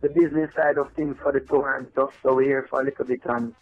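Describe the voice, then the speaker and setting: A man's voice: medium pitch, fairly even intonation, quick pace. Man talking over the phone. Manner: rambling, repeats "you know what I mean". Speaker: reggae artist guest. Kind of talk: phone interview, casual. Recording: tinny phone line, faint music behind.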